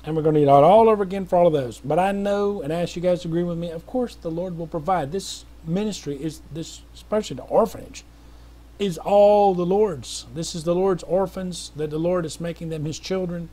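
A middle-aged missionary speaks to viewers in a casual appeal video, his voice sitting high with a dark tone and a brisk pace. He comes across as earnest and rambling, often restarting and leaning on fillers.

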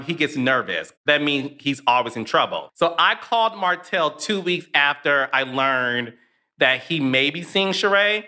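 Man, podcast host, very bright voice, higher pitch, animated gossip storytelling. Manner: animated, laughs often, storytelling. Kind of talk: casual gossip chat.

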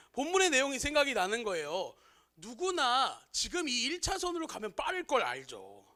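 A man's voice: extremely high pitch, bright, forceful tone. A man preaching a sermon to teenagers as their youth pastor, often asking his listeners questions and telling an everyday story to make his point.

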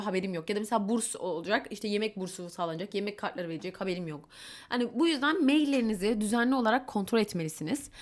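Fast-talking chatty young woman. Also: medium pitch, a little mellow. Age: young adult. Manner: chatty, candid, exasperated asides; quotes others in mimicking voices. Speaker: vlogger. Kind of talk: casual storytelling vlog.

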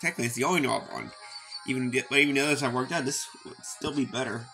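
A man's voice: mid-range voice, fast, pushed and bright, poor audio. Playful man reading game lines over music. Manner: playful, reads lines in character and jokes about them. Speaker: gaming YouTuber. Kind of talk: reading game dialogue aloud with commentary.

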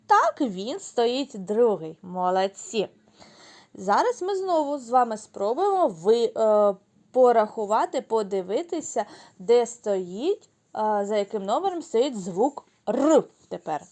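A woman teaching a class of young children in a fairly high voice, pacing herself slowly and carefully. She stretches words out into syllables, answers her own questions and praises the class. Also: big pitch swings, darkish tone. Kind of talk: children's lesson.

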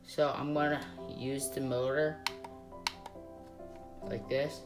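A woman's voice: very deep voice, flat delivery, takes it slowly. A woman chatting casually through a Lego build vlog, rambling and hesitant with lots of fillers. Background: guitar music.

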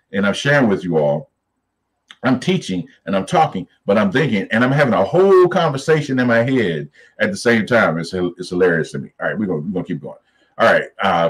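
A man with a fairly low voice teaching scripture in an animated, preaching style. He is emphatic and folksy, and he often turns to speak straight to his viewers. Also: rough recording. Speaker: Bible study teacher.

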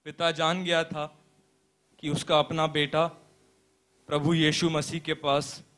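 A young man playing a pastor in a stage play, telling a parable as a sermon in a slow, earnest preaching manner with deliberate pauses. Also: on the high side, flat delivery, a bit bright. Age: young adult.

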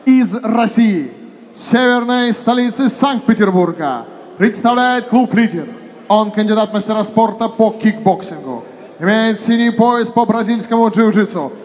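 A man working as a ring announcer, giving booming stage introductions of fighters with drawn-out, shouted names. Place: large indoor arena, inside the fight cage. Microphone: handheld microphone.

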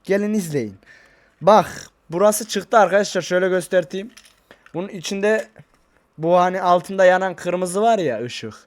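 A man talking casually to his viewers in a vlog, rambling and excitable, into a desk microphone. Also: high voice, normal speed. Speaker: YouTuber. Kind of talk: casual vlog talk to camera.

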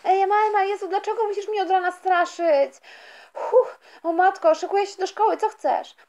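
A woman's voice: extremely high pitch, fairly even intonation, normal speed, a little mellow, voice pushed up. A woman voicing an easily irritated schoolgirl who complains in a flustered way in a toy story voice-over. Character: startled schoolgirl, easily irritated older sister.

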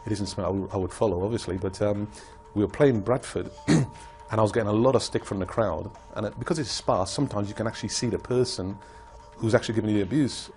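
In a documentary interview, an older former footballer looks back on his playing years in a fairly low voice, calm and reflective, telling his story in a measured way. Soft music plays faintly in the background.

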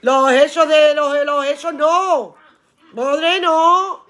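A woman's voice: sits high, steady tone, extremely slow, a bit bright. Brief: woman, live-stream seller, chatty and earthy, swears casually, laughs a lot. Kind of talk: casual live-stream chat reading viewer comments aloud.

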